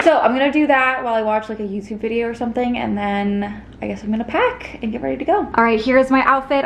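Młoda kobieta z Kanady nagrywa swobodny vlog w domu i mówi do kamery pogodnie i z wieloma wtrąceniami. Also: female voice, on the high side, reverberant. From Canada. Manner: chatty, upbeat, many "like" fillers. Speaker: vlogger. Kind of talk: casual vlog chat to camera. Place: apartment at home.

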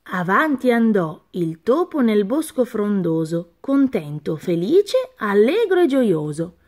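A woman reads a rhyming children's story aloud at a middle pitch. Her sing-song delivery rises and falls a great deal, and she leans into each rhyme. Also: very animated, slow pace, darkish tone.

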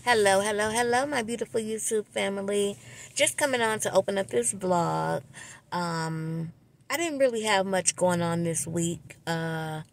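American lady vlogging in her car, super croaky voice, little lisp like she's got a retainer in. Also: medium pitch, measured pace. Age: middle-aged. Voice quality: slight lisp from wearing a dental retainer-like aligner. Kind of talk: casual vlog intro to camera. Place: inside a parked car. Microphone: phone at arm's length.

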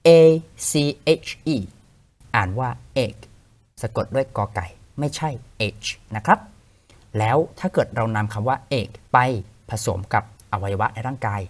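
A young man hosting a vocabulary lesson podcast, a clear, patient teacher who spells words out letter by letter. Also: mid-range voice, a little slow.

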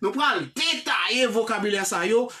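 A woman's voice: fairly high pitch, animated, pushed and bright. A woman with a Haitian accent teaching English vocabulary online, repeating each word and checking with "ok?". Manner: repeats words slowly with frequent "ok?" checks. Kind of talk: online language lesson, mixing English, French and Creole.

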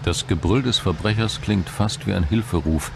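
A man's voice: low-pitched, moderate pace. A man reading scripted documentary news narration as a reporter. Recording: voice-over with clear street noise behind.

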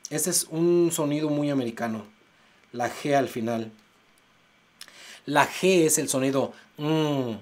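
A man teaching English pronunciation, exaggerating sounds slowly to demonstrate them. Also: medium pitch. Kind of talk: pronunciation lesson. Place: United States.

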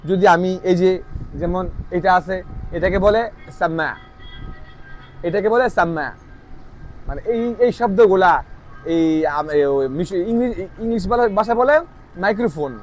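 Guy with a high voice, teaching a language lesson casually, repeats stuff, keeps asking if you get it. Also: poor audio. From Bangladesh. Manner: explanatory, repetitive, asks listeners if they follow. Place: outdoors in a town.

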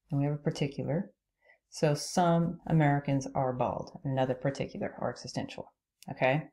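Low and mellow, a woman's voice narrates logic slides in a screen recording. As the instructor, she goes through each rule step by step and checks in with "okay?".

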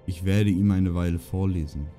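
A man's voice: deep voice, steady tone, normal speed, dark tone, faint music behind, lightly acted. A man voicing an earnest young king.

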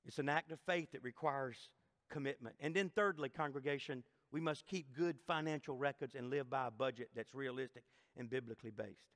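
A man's voice: medium pitch, fairly quick, fairly bright tone. A middle-aged man preaching a sermon as pastor, emphatic and repetitive, asking the congregation questions. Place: church sanctuary. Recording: long church hall reverb.

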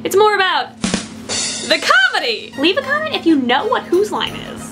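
Brief: woman host, game-show patter, very high and bouncy voice, sarcastic edge, music underneath. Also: big pitch swings, moderate pace. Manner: dry, sarcastic announcer delivery. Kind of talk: mock game-show hosting. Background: background music.

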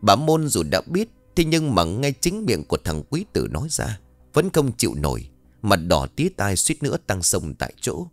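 A man narrating a ghost story in an animated storytelling manner. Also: fairly low pitch, normal speed, no room sound. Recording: dry studio voice with faint music.

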